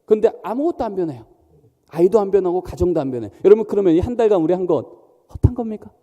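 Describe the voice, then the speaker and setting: A man's voice: high-pitched, animated, rapid-fire, warm tone, highs cut off. A man preaching a sermon in a church, emphatic and often questioning the congregation. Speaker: pastor. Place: large church hall. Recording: long church hall reverb.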